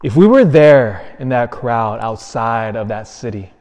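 A man preaching a sermon as a priest, earnest, rising to emphatic peaks and falling soft and quiet. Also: medium pitch, animated, unhurried. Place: large church. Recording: long church reverb.

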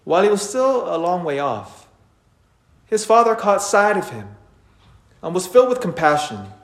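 A priest reading the Gospel at Mass in a measured, unhurried way, heard with a cathedral echo in a large church. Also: male voice, high-pitched, very animated. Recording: roomy church reverb.

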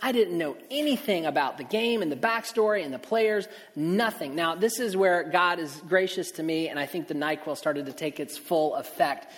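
A man giving a sermon, telling an animated, self-mocking personal story. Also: a little high, moderate pace, hardly any pauses. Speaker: speaker. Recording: long hall reverb.

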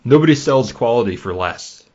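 A man's voice: medium pitch, expressive, normal speed, darkish tone. A young man from Michigan's Upper Peninsula with a Yooper accent, chatting casually and rambling as a podcast host. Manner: chatty, rambling, laughs easily. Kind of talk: casual chat, quizzing co-host. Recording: dull lo-fi podcast audio.

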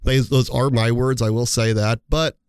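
A man hosts a financial talk show in a loose, conversational way. He rambles and restarts his sentences and leans on everyday comparisons to explain things. His voice sits at an average pitch and sounds dry and close, with no room echo. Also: fairly even intonation, moderate pace, darkish tone, clean tone. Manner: rambling, explains with analogies, many fillers and restarts. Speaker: financial advisor and show host. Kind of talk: casual radio talk show chat.

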